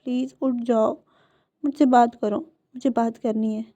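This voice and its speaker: Woman reading a quiet, intense, possessive young man for a storybook reading; dark tone, lo-fi sound. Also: fairly high pitch, steady tone, a little slow, close to an everyday voice. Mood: pleading. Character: possessive young man, soft then threatening.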